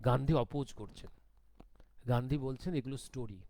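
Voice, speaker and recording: A man giving a commentary monologue, talking slowly because of a sore throat, firing off pointed rhetorical questions. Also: mid-range voice, mellow, no echo. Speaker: political commentator.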